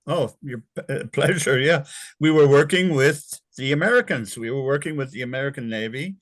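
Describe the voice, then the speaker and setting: An older former navy sailor, born in England and raised in Canada, recalls things casually as an interview guest. His mid-range voice is dry and close with no echo, and his rambling delivery halts and restarts with many fillers.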